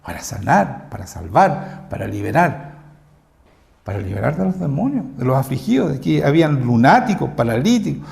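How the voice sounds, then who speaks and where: A man with a Chilean accent, a pastor preaching a sermon, firing rhetorical questions and swinging between loud and low delivery. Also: sing-song, normal speed, creaky. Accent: Chilean Spanish. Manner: emphatic, fires rhetorical questions at the congregation.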